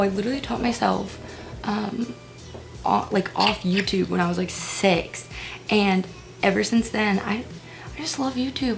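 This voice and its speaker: At home doing her makeup, a vlogger in her early twenties chats casually in a get-ready-with-me style, poking fun at herself and whispering little asides. Her voice is mid-range with vocal fry.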